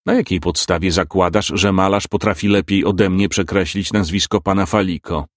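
A man reading a world-weary male private detective in an audiobook, dry and deadpan. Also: low-pitched, moderate pace, no room sound, natural voice. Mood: sardonic.

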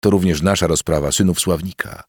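A man's voice: low-pitched, steady tone, brisk, no room sound, studio quality. A man voicing an anguished archbishop who pleads in muffled, earnest prayer, read as part of a storybook narration. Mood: pleading prayer.

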